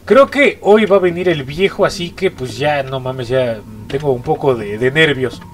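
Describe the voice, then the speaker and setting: A man's voice: on the high side, animated, normal speed, slight background noise. A man with a Mexican accent, stuffy-nosed from a cold, giving jumpy horror gameplay commentary and repeating short exclamations. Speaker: gaming YouTuber.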